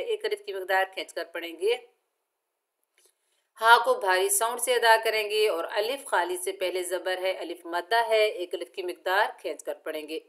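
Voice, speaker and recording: Slow, methodical woman teaching recitation. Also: mid-range voice, a bit bright. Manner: explains each letter, then chants the word slowly and drawn out; patient, methodical instruction. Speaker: Quran tajweed teacher. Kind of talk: slow step-by-step recitation lesson.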